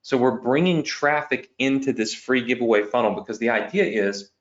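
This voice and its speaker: Losing his voice, the man carries on with his step-by-step online business lesson at the whiteboard, asking "okay?" and "right?" after every point. His voice is mid-range and his pace moderate, heard through lo-fi audio.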